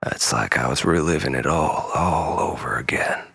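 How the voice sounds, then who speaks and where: This male storyteller's voice is extremely low yet fairly bright, moving at normal speed through a dramatic, confessional spoken-word monologue. He's brooding and theatrical, with a creaky quality and frequent breathy near-whispers.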